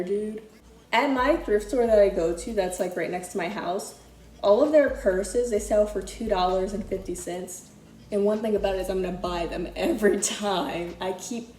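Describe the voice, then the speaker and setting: A woman's voice: medium pitch, dark tone. A young woman chatting casually through a thrift haul, rambling with lots of fillers and restarts. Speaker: vlogger. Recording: echoey room with faint music. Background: faint music.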